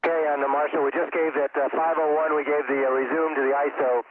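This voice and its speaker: An astronaut speaking over a space-to-ground radio link that keeps breaking up and dropping out, reporting in short procedural check-ins. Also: male voice, fairly high pitch, level tone, narrow, tinny audio, a loud crowd. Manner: clipped, procedural, fast-spoken check-ins. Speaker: astronaut on an orbiting lab. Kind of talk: terse radio communications with ground control.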